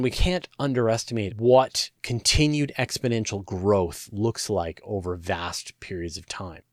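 A man with a lowish voice talks through listener questions in a loose, conversational way. He fills his sentences with "like" and "you know" and drops in playful asides. The sound is dry and close, with no room around it. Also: a little mellow, no room sound. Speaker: host answering listener questions. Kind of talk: casual science Q&A talk.

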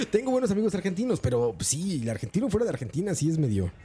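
A man's voice: high-pitched, big pitch swings, fast talker, dark tone, husky. A man co-hosting a casual podcast, joking, swearing casually and laughing often. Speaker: podcast co-host. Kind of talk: casual chat.

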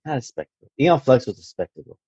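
A man's voice: mid-range voice, very animated, fast, dark tone, slightly rough, dry recording, dull audio. A man co-hosting a casual podcast, pushing back in a wry, teasing way. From Washington State. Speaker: podcast co-host. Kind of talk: casual chat.

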